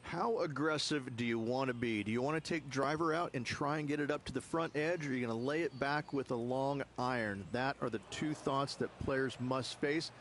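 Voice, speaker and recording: A man's voice: medium pitch, moderate pace, few pauses, fairly bright tone, close to an everyday voice. A man playing a golf commentator, giving conversational expert analysis in a video game broadcast. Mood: assured. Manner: conversational, explanatory. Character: knowledgeable male golf booth analyst. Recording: faint background noise.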